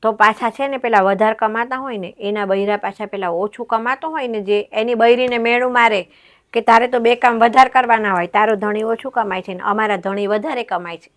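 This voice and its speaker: A woman's voice: medium pitch, moderate pace, fairly bright tone. A woman giving her opinions in a casual discussion about family quarrels. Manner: opinionated, explaining.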